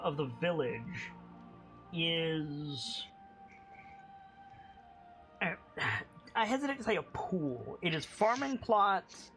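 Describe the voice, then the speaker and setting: A man narrating a tabletop game as game master, improvising scenes in a halting way as he searches for words. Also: high voice, fairly bright tone.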